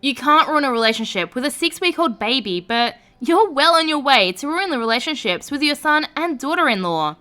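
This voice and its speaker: A woman narrator reading online stories aloud and adding sarcastic, expressive commentary. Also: high voice, a little fast, few pauses, faint music behind.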